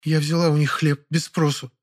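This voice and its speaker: A man reading an audiobook, voicing a timid, meek older woman who speaks softly and hesitantly. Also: on the high side, flat delivery, moderate pace, pitched above the performer's own voice, close to an everyday voice. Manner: soft, hesitant.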